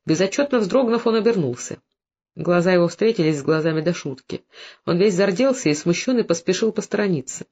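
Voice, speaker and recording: A reader narrating a novel in a steady, even storytelling voice. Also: mid-range voice, brisk. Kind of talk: audiobook narration.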